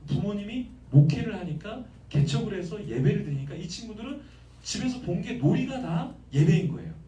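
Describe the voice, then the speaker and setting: A man preaching to a congregation with a high, animated voice and a mellow tone. He questions his listeners as he goes, picked up from a distance in an echoey church. A faint hum sits underneath. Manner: lively conversational preaching, asks the congregation questions. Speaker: guest pastor. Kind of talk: sermon. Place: church sanctuary.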